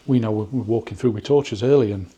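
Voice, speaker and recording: A man's voice: lowish voice, quick pace, warm tone, slightly rough. A man hosting a ghost-hunting vlog, talking in an easygoing, plain-spoken and joking way. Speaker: paranormal investigator and channel host. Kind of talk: casual chat and vlog sign-off.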